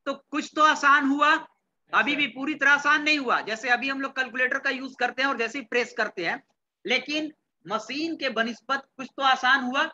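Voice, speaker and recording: A man teaching a class, his voice bright and forward. He keeps firing questions at the students and echoing their replies. The recording is dull and lo-fi. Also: very high voice, normal speed, slight background noise. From Bihar, India. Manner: quizzes students and repeats their answers; mixes English terms into Hindi. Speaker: computer science teacher. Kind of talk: classroom lecture.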